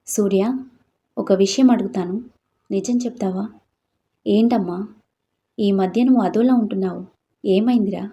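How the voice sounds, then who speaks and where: A woman voicing a gentle, caring mother who coaxes her son in a storybook reading. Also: mid-range voice, moderate pace, long pauses, slightly rough, highs cut off. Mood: tender.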